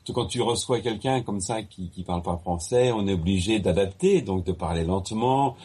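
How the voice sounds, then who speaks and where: A man from France talking in a casual, conversational way, as in a relaxed chat with someone he knows. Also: deep voice, moderate pace, husky.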